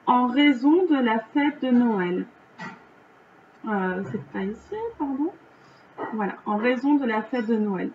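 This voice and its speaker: A French woman teaching children, her voice pitched a little high, working through the answers slowly and patiently. The recording sounds a bit dull, with a faint hiss behind her. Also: darkish tone. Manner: slow, patient, explaining step by step. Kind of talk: reading lesson correction for children.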